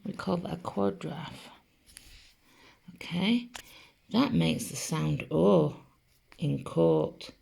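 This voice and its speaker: A woman's voice: deep voice, lively intonation, slow, vocal fry, long pauses, a little mellow, husky. A woman teaching a spelling lesson to children, patiently sounding out each letter. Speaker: primary school teacher.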